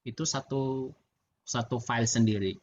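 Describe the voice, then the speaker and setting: A middle-aged man with an Indonesian accent, a lecturer giving chatty, relaxed feedback to students over a video call. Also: medium pitch, moderate pace. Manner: relaxed, chatty, laughs often. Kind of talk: online class feedback. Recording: muffled video-call audio with faint background noise.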